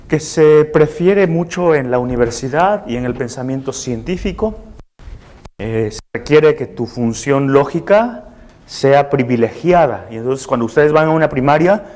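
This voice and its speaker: A man's voice: medium pitch, a little mellow. Man lecturing an audience. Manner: explanatory, seeks assent with tag questions. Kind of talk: live classroom lecture. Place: room with a seated audience.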